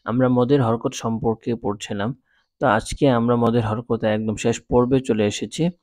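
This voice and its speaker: A man with a Bangladeshi Bengali accent teaching Quran reading, calmly spelling out syllables and chanting the words slowly. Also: mid-range voice, no room sound. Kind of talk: slow spelled-out Quran lesson.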